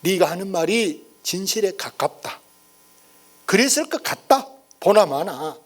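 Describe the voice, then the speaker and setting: A man voicing a stern, wise old king who speaks in slow, grave, measured pronouncements. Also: high-pitched, very animated, exaggerated voice.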